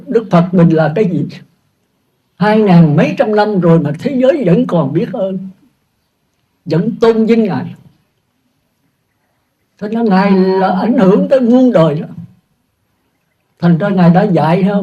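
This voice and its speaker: Older monk giving a chatty talk, high husky voice, kinda muffled lo-fi sound. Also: male voice, mellow. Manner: chatty, self-mocking, laughs at his own jokes. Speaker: Buddhist monk teacher. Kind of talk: casual dharma talk. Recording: dull lo-fi recording.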